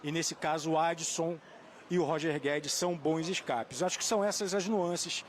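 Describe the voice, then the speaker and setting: A man giving studio football analysis in a thoughtful, measured way, sometimes searching for a name. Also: fairly high pitch, steady tone, a little hiss or hum. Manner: thoughtful, hesitant, searching for names. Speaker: football pundit.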